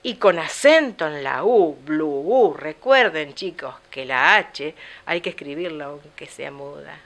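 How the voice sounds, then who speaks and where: A woman's voice: sits low, measured pace. A middle-aged woman with an Argentine Spanish accent, a guest author telling a childhood story in an interview and acting out the dialogue. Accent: Argentine Rioplatense Spanish. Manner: animated, voicing her brother and herself.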